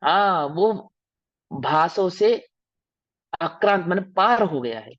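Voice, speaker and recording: A man's voice: sits high, expressive, slow pace, fairly bright tone, no echo. A man teaching a scripture study class who explains step by step and keeps asking the class rhetorical questions. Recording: dull, dry recording.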